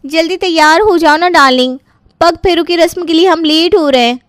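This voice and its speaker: A woman doing a very high cooing young wife. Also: moderate pace, dry recording, studio quality. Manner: cooing, gushing. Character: sweet pampered young wife.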